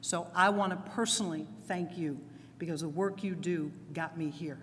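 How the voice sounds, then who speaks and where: A middle-aged woman giving a lively keynote speech, playfully leading the audience in call-and-response. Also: lowish voice, normal speed. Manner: energetic, playful, commanding the crowd. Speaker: keynote speaker. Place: large hall with audience. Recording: long hall reverb, faint crowd noise.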